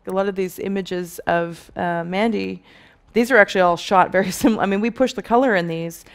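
A woman's voice: mid-range voice, a little fast, clear, resonant tone. A woman in her thirties giving a conference presentation as a film colourist, thoughtful, with many fillers and restarts. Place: dim stage with dark backdrop.

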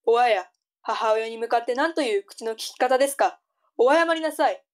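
Woman acting a strict, bossy mother, highish voice. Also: normal speed, lightly acted. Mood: scolding. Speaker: voice actor in a tongue-twister audio drama. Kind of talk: tongue-twister audio drama acting.

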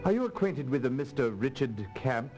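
An actor playing a crisp, condescending English detective questioning suspects. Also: male voice, medium pitch, sing-song, moderate pace, over music, natural voice. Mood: probing. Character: cool, superior English detective. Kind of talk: video game voice acting.

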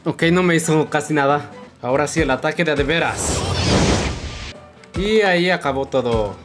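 A man chats casually as he plays through a game. His voice is fairly high, and loud game music plays under his talk. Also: normal speed. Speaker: gameplay streamer. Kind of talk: casual gameplay commentary.

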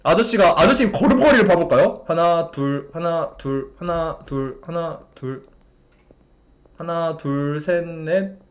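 A man's voice: a little high, a little slow. A young man streaming a game, talking in an exasperated way to a game character and his chat. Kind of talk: live gameplay commentary to chat.

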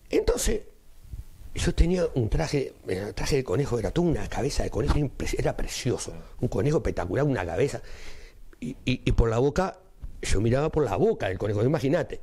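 A man with a Rioplatense Spanish accent, a carnival performer telling an anecdote as an interview guest and acting out each line of dialogue in changing voices. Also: a little high. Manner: lively storyteller, acts out dialogue in shifting voices.

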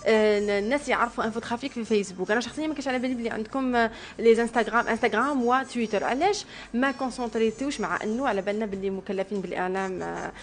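A woman with an Algerian Arabic accent hosting a radio interview, asking brisk questions and mixing in French words. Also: fairly high pitch. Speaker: radio host.

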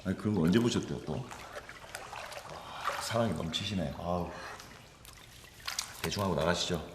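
A man's voice: low voice, moderate pace, lightly acted. An actor playing a joking, fawning male investigator in a period film, with a chatty, wheedling way of talking. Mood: teasing. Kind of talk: 1980s period film acting. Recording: echoey film room with noise.

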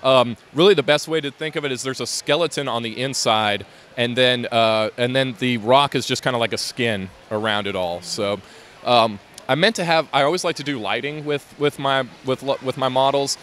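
A man with a mid-range, slightly bright voice talks at normal speed about his LEGO build, rambling through fillers and restarts in a casual interview. The setting is an indoor convention hall, with slight background noise.

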